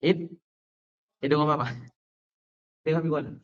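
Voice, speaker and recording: A man giving a teacher-training lesson on Quran recitation rules, quizzing his listeners and spelling out letter names slowly. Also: on the high side. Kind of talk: teacher training lecture on tajwid. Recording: dull lo-fi lecture recording.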